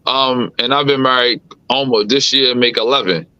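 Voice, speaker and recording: A man in his thirties from the Caribbean, chatting casually as an interview host. His voice is bright and crisp with a dry, close sound, and he asks his questions in a loose, slangy way. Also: medium pitch, moderate pace, dry recording, low-quality recording. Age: 30s. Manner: relaxed, conversational, slangy questions. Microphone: remote live-stream call.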